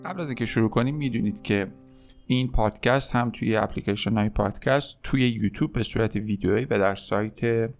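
Man teaching slowly in a podcast. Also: on the low side, creaky, faint music behind. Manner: slow, drawn-out model words for repeating; friendly, addresses learners as kids. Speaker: podcast host and French teacher. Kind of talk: language lesson podcast.

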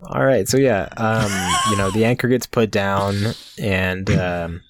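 Lower-voiced man as halting game master. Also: a little hiss or hum. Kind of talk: improvised tabletop game narration.

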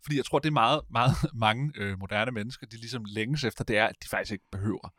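A man in casual conversation as a podcast host, rambling and animated, often stopping to correct himself. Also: on the low side, dry recording, studio quality. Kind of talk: casual chat.

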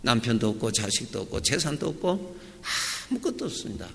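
A man preaching a sermon as a pastor, lively and emphatic, with loud peaks and quiet asides. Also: medium pitch, fairly quick, gravelly. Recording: reverberant church hall.

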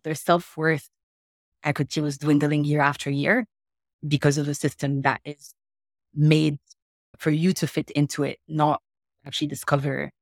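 A woman's voice: sits low, a little mellow, dry recording, studio quality. A woman in her thirties from Morocco, a podcast guest telling her story in an earnest, thoughtful way with small laughs. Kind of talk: reflective conversational interview.

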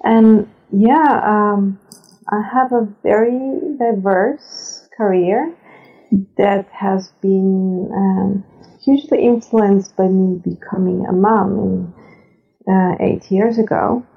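A woman, a chef guest on a podcast, answering in a measured way with many hesitations. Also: mid-range voice, vocal fry. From Serbia. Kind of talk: interview answers. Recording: tinny phone-like line.

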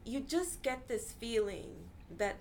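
A woman therapist, Urdu being her first language, speaks earnestly in a casual interview, frequently dropping in "you know." Her voice is fairly high, expressive, and slow, with a bit of hiss or hum in the background.

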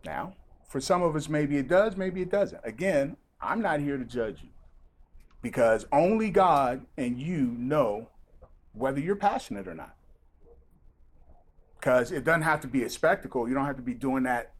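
A man preaching a sermon as pastor, reading scripture and then talking to the congregation in a lively, conversational way. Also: mid-range voice, normal speed.

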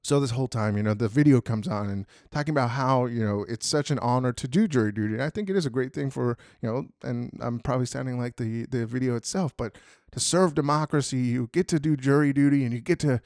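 A young man hosts his own podcast in an easygoing, rambling way, filling his thoughts with "you know" and checking in with "right?". His voice sits at an ordinary pitch. The recording is dry and close, with no room sound around him. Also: fast, darkish tone, no echo. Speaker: podcast host. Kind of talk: casual solo monologue.

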